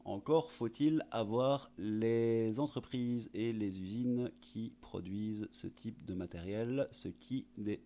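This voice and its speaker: A man's voice: fairly low pitch, slow pace, hardly any pauses, dark tone. A man giving sarcastic, crude comedic news commentary as a YouTube host, full of fillers and asides.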